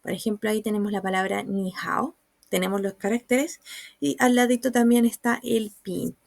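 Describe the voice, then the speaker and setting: A woman's voice: mid-range voice, steady tone, creaky, a little mellow, dry recording. A woman, patiently explaining sounds and writing in a recorded online lesson. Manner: slow, patient explaining with examples. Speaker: Mandarin teacher.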